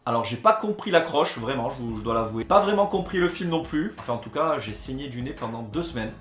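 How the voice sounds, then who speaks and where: A man's voice: medium pitch, expressive, brisk, fairly bright tone, faint music behind. A man hosting a comedy video, reading out film slogans and mocking them with sarcastic asides. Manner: sarcastic, mock-dramatic, jokey asides. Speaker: host of a comedy video series. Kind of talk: comedic voice-over commentary. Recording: roomy echo.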